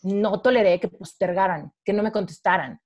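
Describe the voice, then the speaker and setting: Animated Mexican woman telling her story. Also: medium pitch, moderate pace, highs cut off. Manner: animated, acts out her own past thoughts in quotes. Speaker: podcast guest. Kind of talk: casual conversational storytelling.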